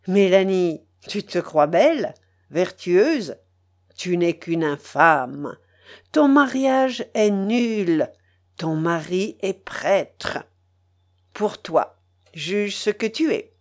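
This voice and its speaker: Woman reading as a menacing male pirate, sneering, emphatic, lively swings in pitch, slow deliberate delivery, storybook. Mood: scornful. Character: vengeful scornful male pirate. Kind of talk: audiobook reading.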